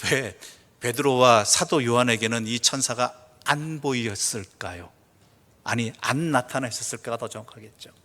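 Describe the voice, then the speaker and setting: A male pastor preaching a sermon, asking the congregation questions, answering them himself, and reading scripture slowly and softly. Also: medium pitch. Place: church sanctuary. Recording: long church reverb.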